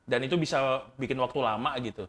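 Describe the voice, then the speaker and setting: Man, Indonesian accent, rapid speech, sharp bright voice, informal slang, casual interviewer. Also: mid-range voice. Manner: informal slang with mild swearing. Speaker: interviewer, fellow coffee competitor. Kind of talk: casual chat.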